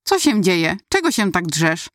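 Stern grumpy hospital nurse barking at kids, read by a woman, lowish voice, dry sound. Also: very animated, measured pace, dry recording. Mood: brusque. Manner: scolding, brusque.

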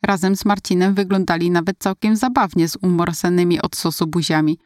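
A woman narrating a first-person story in a calm, confiding way. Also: lowish voice, brisk, no echo, studio quality. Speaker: audiobook narrator.

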